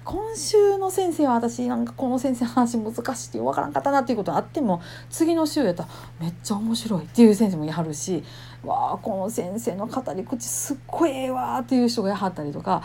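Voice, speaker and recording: A woman's voice: fairly high pitch, lively intonation, fast talker, gravelly, few pauses, warm tone, slight background noise. A woman with a Kansai accent, a temple wife who talks casually and chattily to her listeners and laughs often. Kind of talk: casual monologue.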